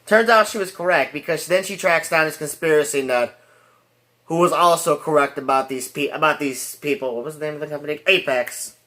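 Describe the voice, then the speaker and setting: A man's voice: fairly high pitch, fairly quick, pushed and bright. A man giving a rambling casual movie review, full of restarts and fillers and laughing at his own jokes.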